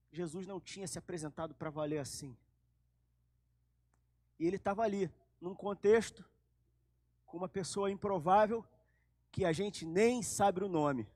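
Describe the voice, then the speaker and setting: A man's voice: high-pitched, darkish tone, no room sound. A man preaching a sermon, telling the story dramatically and with animation. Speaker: pastor.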